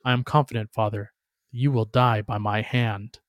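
A man performing scripted dramatic narration as a bitter, bloodthirsty warrior, in a solemn, theatrical and deliberate manner. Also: on the low side, flat delivery, no echo, studio quality. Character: bitter, bloodthirsty alien warrior recounting his past.

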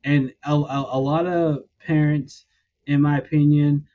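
A man's voice: on the high side, flat delivery, unhurried, mellow, dull audio. A man hosting a sports podcast, giving his opinions and walking through examples step by step in a casual chat. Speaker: podcast host.

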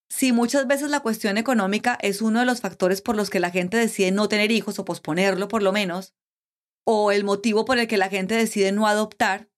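A woman host narrating and speaking straight to the viewers in a conversational way. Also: medium pitch. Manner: conversational, addresses viewers directly. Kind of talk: documentary-style narration.

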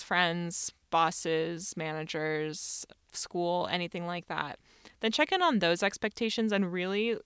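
A woman's voice: fairly low pitch, a bit bright, clean tone, no echo, studio quality. A woman giving informal motivational advice as a podcast host, talking in a conversational, emphatic way with plenty of "like" and "really", recorded in a small closet.

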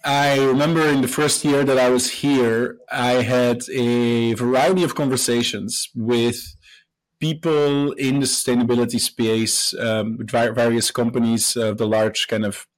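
A Belgian professor in his thirties, also a company co-founder, responds to interview questions in an easygoing narrative style, with fillers and false starts. He has a mid-range voice and talks a little slowly, and the audio is poor.

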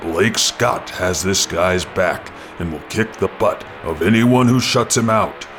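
A man voices a low-pitched announcer for a mock campaign ad, delivering it in an emphatic, salesy way. A faint music bed runs under his voice. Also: measured pace, a bit bright. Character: male announcer of a mock political ad.

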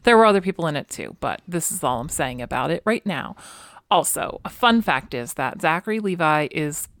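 A woman's voice: deep voice, expressive, normal speed, fairly bright tone, dry recording, clean studio sound. A woman co-hosting a podcast, chatting casually with playful, enthusiastic asides. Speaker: podcast co-host. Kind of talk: casual chat.

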